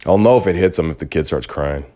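A man hosting a podcast, talking in a rambling, joking casual monologue with big swings in pitch. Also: fast talker, warm tone. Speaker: podcast host.

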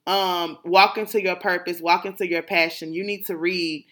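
A woman talks through her podcast in a relaxed, chatty way that keeps rising into emphatic affirmations. Her voice sits low but carries a bright, forceful bite, and she presses hard on each repeated phrase. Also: moderate pace. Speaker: podcast host. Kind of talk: casual motivational chat.

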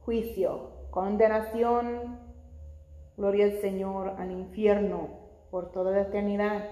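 A woman's voice: medium pitch, level tone, takes it slowly, mellow. A middle-aged woman preaching a sermon, punctuating her phrases with "glory to the Lord" and rising to fervent emphasis. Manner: repeats "gloria al Señor" between phrases, rising to fervent emphasis. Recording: echoey hall, long reverb.

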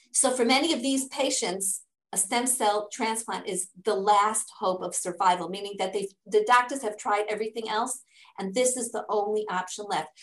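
The speaker is a charity fundraising director, a middle-aged woman and native English speaker living in Israel, explaining her charity's work in an interview with earnest, step-by-step answers and frequent restarts. Her mid-range voice has a fairly bright tone. The sound is roomy and the audio poor.

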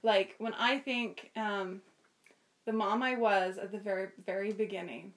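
A woman talking casually and informally as a podcast guest, telling things in an animated way. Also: medium pitch, measured pace. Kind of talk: casual chat.

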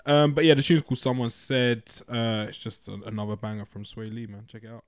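A man's voice: medium pitch, flat delivery, fairly quick, clean tone. A London-accented man casually chatting as a podcast host. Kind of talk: casual music recommendation chat.

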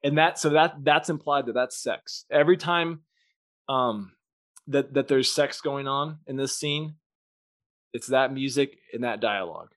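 A man co-hosting a podcast, pitching a story in a rambling, slangy, casual way. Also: a little slow, fairly bright tone, no room sound, studio quality. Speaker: podcast co-host. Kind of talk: casual brainstorming chat.

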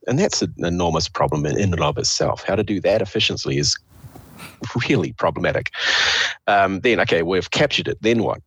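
Deep, froggy-voiced man with a cold. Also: husky, no echo. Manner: explains step by step, posing questions to himself. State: hoarse with a cold, clearing throat. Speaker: interview guest, official of a state energy authority. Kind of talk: conversational interview explanation.

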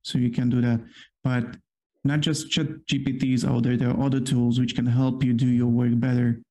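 A warm, mid-range voice with a level tone and moderate pace belongs to a Polish-accented man for whom English is a second language. Co-hosting a laid-back work podcast, he explains at length, rambling and using many fillers.

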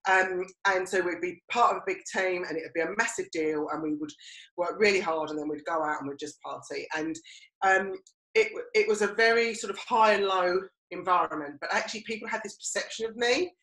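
This middle-aged podcast co-host speaks a little fast in a lowish, fairly bright voice with an Essex English accent. Hailing from Romford, Essex, England, she tells personal stories conversationally, and the recording has a roomy echo.

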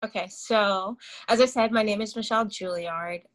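A woman's voice: medium pitch, normal speed, a bit bright. A Barbadian woman in her forties, a hockey player, chatting casually in an interview and laughing easily.

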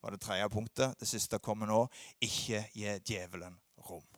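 A middle-aged man preaching a sermon, swinging between loud emphatic peaks and low quiet asides. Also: steady tone, no echo. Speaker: pastor.

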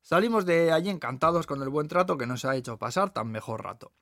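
A man's voice: medium pitch, expressive, quick pace, no room sound, clean studio sound. A man from the Basque Country with a Peninsular Spanish accent, reading his own memoir aloud with wry asides. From Basque Country, Spain. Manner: warm storytelling, wry asides. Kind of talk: audiobook narration of a memoir.

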